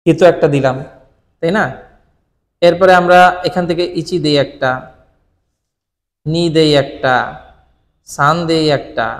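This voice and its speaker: A Bengali-speaking man gives a relaxed Japanese lesson, quizzing the viewer and answering his own questions. His voice sits a bit high for a man. A long reverb trails his words. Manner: asks questions then answers them himself; frequent "thik ache?" check-ins to the viewer. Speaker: Japanese language teacher. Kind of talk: casual explanatory lesson.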